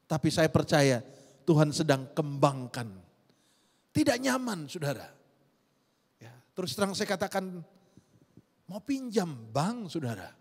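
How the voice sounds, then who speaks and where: A middle-aged pastor preaches with lively emphasis and rhetorical questions. His voice sits high for a man. It rings with the long reverb of a church hall. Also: measured pace, long pauses. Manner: animated preaching, rhetorical questions, frequent "saudara". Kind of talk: sermon.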